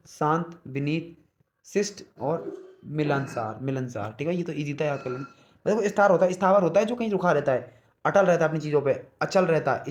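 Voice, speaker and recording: A young man teaching an online exam-prep lesson, repeating each word and often asking the listeners, whom he calls brother, whether it is clear. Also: fairly high pitch, a little mellow. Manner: repeats words and checks understanding often.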